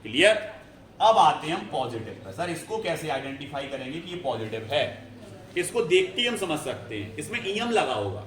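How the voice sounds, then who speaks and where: A man's voice: a little high, big pitch swings, normal speed, fairly bright tone. A male chemistry teacher giving a classroom lecture, explaining step by step and often checking whether students follow. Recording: echoey room, faint ambience.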